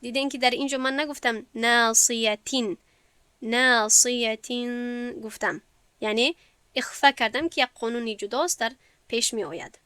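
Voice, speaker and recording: A woman with a Tajik Persian accent, teaching a classroom lesson and slowly stretching out example words as she explains them. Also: a little high, pushed and bright, dry recording. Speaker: Quran recitation teacher.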